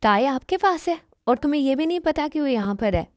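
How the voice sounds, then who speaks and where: A woman's voice: sits high, animated, fairly quick, dry recording, clean studio sound. A woman voicing a doting middle-aged father who soothes and coaxes in a fan-made dub drama. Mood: concerned. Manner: soothing, coaxing.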